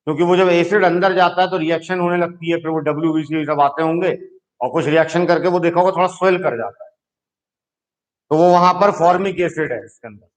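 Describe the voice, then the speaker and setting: A man's voice: fairly high pitch, rough recording. A man teaching a chemistry lesson, explaining step by step and often checking in with his students. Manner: explains patiently, checks in with "ठीक है". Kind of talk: classroom lecture.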